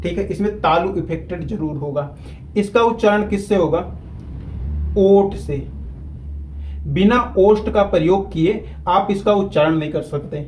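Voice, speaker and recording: A man teaching a grammar lesson at a whiteboard, repeating key terms slowly so students can follow. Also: high-pitched, darkish tone, a little hiss or hum, poor audio.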